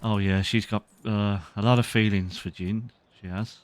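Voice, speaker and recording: A man talks in character in an online role-play game, his voice sitting a little low. He is courteous and halting, often pausing on small fillers as he speaks into his computer mic. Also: fairly even intonation, no room sound. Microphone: desk or headset mic at a computer.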